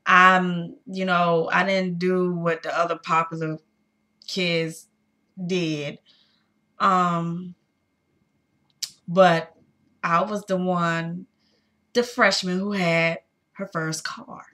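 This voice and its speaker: A woman in her thirties speaking candidly to her viewers in a personal vlog, pausing often with fillers. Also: lowish voice, little pitch movement, bright, forceful tone. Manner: halting, with many pauses and fillers; candid, addressing viewers directly. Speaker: vlogger.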